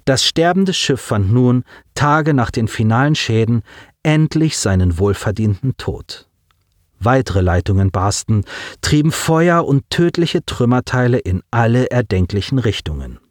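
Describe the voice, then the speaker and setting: A man's voice: medium pitch, animated, a little slow, dry recording, studio quality. A man reading a science-fiction audiobook with dramatic narration.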